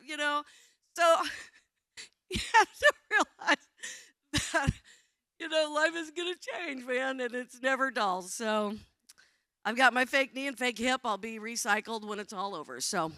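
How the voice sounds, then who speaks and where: A woman's voice: a little high, unhurried, long pauses, pushed and bright, no echo, clean studio sound. A woman in her sixties giving a comic, self-mocking motivational talk on a conference stage, coaching the crowd. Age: 60s. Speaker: theater director giving a talk. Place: conference stage before an audience.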